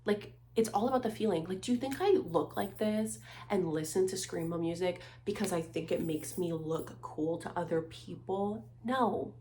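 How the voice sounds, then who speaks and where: A woman in her twenties ranting in a casual monologue, sarcastic and animated, saying "like" constantly. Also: lowish voice, normal speed, hardly any pauses, slight background noise. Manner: animated, sarcastic, heavy use of "like". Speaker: vlogger.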